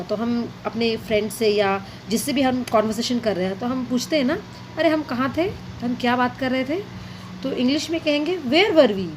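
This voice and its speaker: A woman teaching spoken English, repeating each phrase slowly and deliberately. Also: a little high, background noise.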